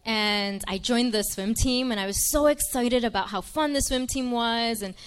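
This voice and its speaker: Young woman, from Michigan, earnest, chatty, slightly high-pitched, testimony talk. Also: normal speed, smooth. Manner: earnest, chatty, frequent ums. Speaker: speaker giving a faith testimony. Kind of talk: personal testimony talk to an audience.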